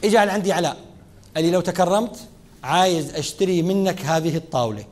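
Rapid, lively lecturer, a man. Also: high voice. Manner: lively teaching, speaking straight to students, mixing formal and dialect Arabic. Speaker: lecturer on Islamic finance. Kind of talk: classroom lecture.

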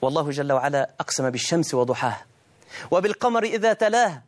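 A middle-aged man with an Egyptian accent preaching a sermon, emphatic, slowing and rising when he quotes scripture and arguing both sides of a dialogue. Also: fairly high pitch, big pitch swings. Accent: Egyptian Arabic.

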